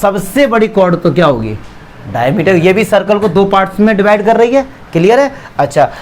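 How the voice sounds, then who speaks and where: A man's voice: high-pitched, darkish tone, slight background noise. A man teaching a maths class, asking questions and answering them himself, joking with his students in the classroom. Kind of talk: classroom lecture.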